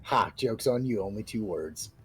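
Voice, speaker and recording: A woman's voice: rumbling low, expressive, moderate pace. A woman giving casual, joking and sarcastic co-commentary on a game playthrough.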